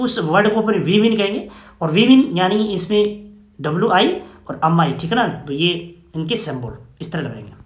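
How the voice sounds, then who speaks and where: A man's voice: high voice, fairly bright tone, roomy sound. A man teaching a classroom phonetics lesson, explaining step by step and often checking with "okay?".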